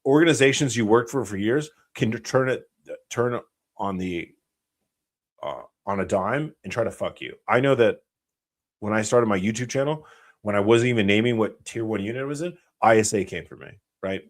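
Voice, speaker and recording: A man's voice: lowish voice, normal speed. An American man hosting a live Q&A stream, talking bluntly and rambling, with heavy swearing. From United States. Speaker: channel host, former special operations soldier.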